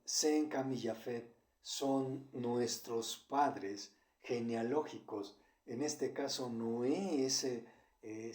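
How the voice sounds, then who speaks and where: A man giving a Bible study sermon, talking haltingly with many fillers and repeated words. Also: mid-range voice, warm tone. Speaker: Bible teacher. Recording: roomy echo.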